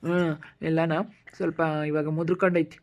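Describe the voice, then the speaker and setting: A woman's voice: sits low, level tone, normal speed, a little mellow. A woman playing a judgmental village neighbour. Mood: scolding. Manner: scolding, judgmental. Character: sharp-tongued gossiping village woman. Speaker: neighbour Meena. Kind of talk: amateur village skit acting.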